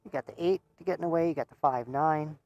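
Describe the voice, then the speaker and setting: A man's voice: fairly high pitch, fast talker, dull audio. A man giving casual live commentary on a pool match. He chats, laughs often, and stumbles over repeated words.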